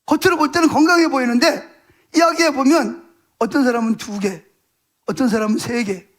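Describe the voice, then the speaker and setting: Very high-pitched and brisk, a man's voice delivers a Sunday morning sermon from the pulpit. As pastor he is emphatic and colloquial, throwing rhetorical questions at the congregation and repeating words for emphasis.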